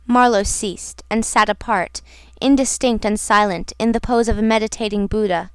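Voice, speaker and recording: A woman reading a classic novel aloud as an audiobook narrator, in a measured, somber manner. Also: medium pitch, fairly even intonation, clear, resonant tone, dry recording. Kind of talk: scripted narration.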